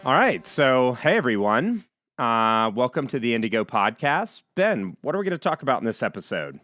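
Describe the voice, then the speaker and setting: A man co-hosting a podcast, easygoing, often trailing off quietly at the ends of his sentences. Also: medium pitch, big pitch swings, moderate pace, no echo, soft background music. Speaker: podcast co-host. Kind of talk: casual conversational podcast.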